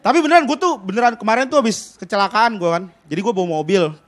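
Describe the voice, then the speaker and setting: High-voiced ranting stand-up man. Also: lively intonation, fast, fairly bright tone, a little hiss or hum. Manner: mock-indignant ranting. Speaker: stand-up comedian. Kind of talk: stand-up comedy routine. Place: television studio stage with audience.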